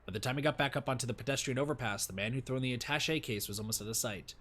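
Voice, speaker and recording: A man's voice: medium pitch, very fast, a bit bright. A young man streaming, reading a visual novel aloud with casual commentary. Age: young adult. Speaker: game streamer.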